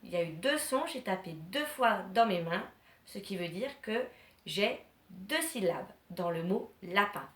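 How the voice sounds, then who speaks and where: A woman teacher giving a lesson to young children, encouraging them and pronouncing words slowly and clearly. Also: mid-range voice, expressive. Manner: warm, encouraging, slow and clearly articulated; syllables stretched and repeated for children.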